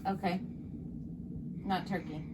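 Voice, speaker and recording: A woman's voice: lowish voice, steady tone, slow. Woman casually interviewing, noisy room tone. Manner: echoes back answers, asks short questions. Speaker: interviewer, granddaughter. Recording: clear background noise.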